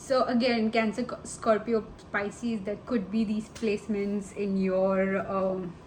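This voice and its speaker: A woman's voice: medium pitch, flat delivery, slow pace, a little mellow, a little hiss or hum, rough recording. A woman giving a casual tarot reading to the viewer, affectionate and rambling, calling them babe and honey. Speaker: tarot reader.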